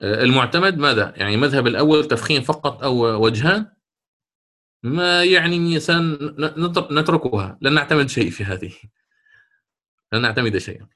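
A man teaching a lesson on Quran recitation rules, asking and answering his own questions and drawing out the recited words slowly. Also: medium pitch, animated, bright, forceful tone. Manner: stretches recited words drawn out.

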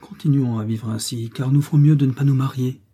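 A young woman who holds her ground in a measured, restrained way, read aloud by a man. The tone is mellow and slightly husky, never raised. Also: medium pitch, fairly even intonation, close to an everyday voice. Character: quiet, firm young woman.

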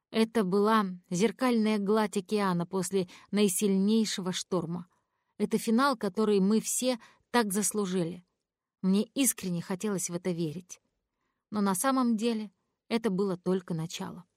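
A woman narrating a first-person novel, giving the characters' lines expressive voices. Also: medium pitch, normal speed, no echo, clean studio sound. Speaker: audiobook narrator.

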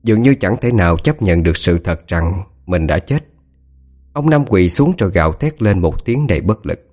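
A man telling a scripted ghost story in a dramatic, expressive way. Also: deep voice, normal speed.

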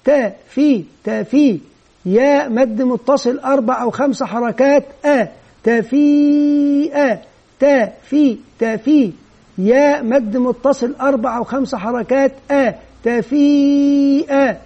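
High-voiced man teaching recitation drills. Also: breathy edge, highs cut off. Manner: demonstrates drills, slowly repeating chanted phrases; acts out teacher questioning a child. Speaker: Quran recitation teacher trainer. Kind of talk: instructional lecture on teaching children.

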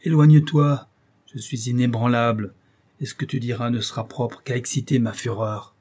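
A man narrating a first-person literary audiobook in a measured, solemn way. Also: medium pitch, flat delivery, breathy edge.

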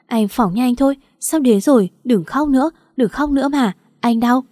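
Female reader as remorseful young cop, gentle and choked up, mellow tone. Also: high-pitched, normal speed, no room sound, studio quality, voice pushed up. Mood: soothing. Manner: soothing, choked-up reassurance. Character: young male police officer, guilt-ridden and gentle.

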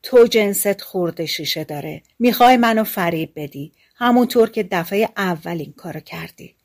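A woman reading an audiobook, voicing a bold, quick-witted young male woodcutter with a cheeky, lively way of talking. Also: medium pitch. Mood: defiant.

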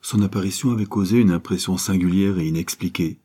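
Husky, low-voiced male narrator. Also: fast talker, warm tone. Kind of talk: audiobook narration.

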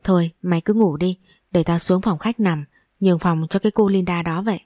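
A flustered young man from a spoken audio story, blunt and rattled, his voice low and mellow, as a woman narrator reads his part. The sound is dry and close. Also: fairly even intonation, fairly quick, no echo, lightly acted. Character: young man, frightened best friend.

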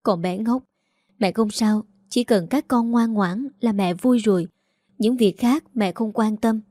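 A woman voicing a gentle, long-suffering mother who softly begs and soothes. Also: fairly high pitch, measured pace, no room sound. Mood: tearful pleading. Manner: soft imploring.

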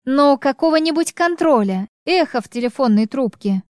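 A woman reading an audiobook, voicing a flustered wife who rushes through her lies in a nervous, overly bright way. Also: high-pitched, animated, no echo, studio quality, pitched above the performer's own voice.

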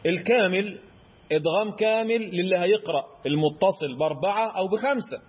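The recording is muffled, and the man's voice sits high with a husky quality. He has an Egyptian Arabic accent and explains Quran recitation rules, quizzing listeners before supplying the answers, while chanting verse examples in a long, drawn-out recitation style.

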